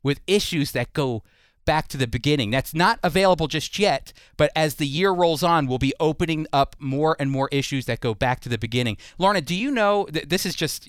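An American radio host presents the news and interviews a guest at a close studio microphone. His voice sits a little high, with a clean tone on a dry recording.

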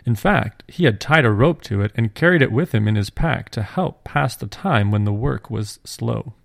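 A man hosting and gently reading a scripted story aloud at a measured pace. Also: mid-range voice, animated, gravelly, no room sound, studio quality. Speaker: storyteller and podcast host.

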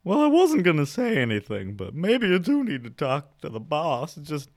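A man's voice: fairly high pitch, wildly swooping pitch, moderate pace, pitched above the performer's own voice. A man voicing a fussy, nervous illusory assistant in a tabletop role-play game. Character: fussy illusory assistant guarding his boss.

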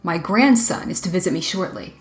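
A woman voicing a gentle, cunning old grandmother in a storybook reading, speaking in a knowing, kindly way. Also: lowish voice, big pitch swings, fairly quick, soft background music.

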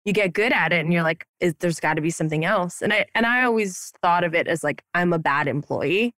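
A fairly low, fairly bright voice speaks fairly quickly: a Romanian woman in her thirties, dental hygienist and practice owner, bantering playfully on a podcast with lots of slang and "like." She records in her office upstairs at the practice, studio-quality and echo-free.

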